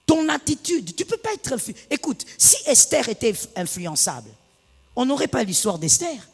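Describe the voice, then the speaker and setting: A woman pastor preaching a sermon, moving from hushed tones to loud bursts. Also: a little high, very animated, normal speed, breathy edge. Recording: long reverb of a large hall.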